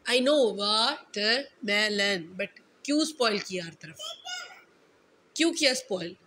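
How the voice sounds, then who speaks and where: A woman's voice: medium pitch, lively intonation, takes it slowly, pushed and bright, slight background noise. A young mother at home scolding her small child, repeating stern questions while fighting back laughter.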